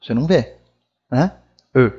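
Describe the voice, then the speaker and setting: Brazilian male French teacher, casual and friendly, slightly high voice, somewhat dull lo-fi recording. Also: expressive, moderate pace, darkish tone. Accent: Brazilian Portuguese. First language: Portuguese. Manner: friendly, repeats sounds and tags lines with "né?". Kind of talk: casual video lesson on pronunciation.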